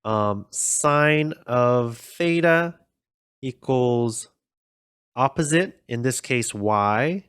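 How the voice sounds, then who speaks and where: A man's voice: mid-range voice, animated, drawn-out words, fairly bright tone, smooth, no echo. Tutorial host: casual man talking through code at his desk, chatty and self-deprecating, dry close mic. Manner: chatty, self-deprecating, thinks aloud with fillers. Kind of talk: casual code-along explanation.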